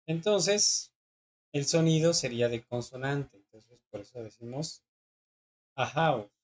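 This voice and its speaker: Speaking at a measured pace, this teacher works through English grammar with the class and frequently pauses for short questions to confirm understanding. The voice is medium in pitch, expressive, and slightly mellow.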